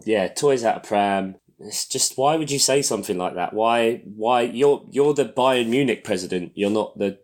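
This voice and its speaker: Co-host, man, low voice, sarcastic teasing. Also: normal speed, hardly any pauses. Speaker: podcast co-host. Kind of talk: casual chat.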